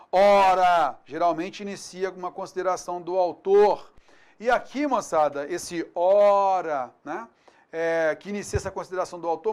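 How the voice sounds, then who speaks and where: A man with a Brazilian Portuguese accent teaching a grammar lesson for an exam prep course, colloquial and lively, checking in with quick tag questions. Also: sits high. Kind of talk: recorded video lesson.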